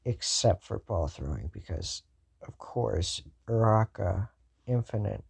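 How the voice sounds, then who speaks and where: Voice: sits low, expressive, slow, creaky, slightly rough. A fan storyteller improvising a what-if story, rambling with many fillers and self-corrections.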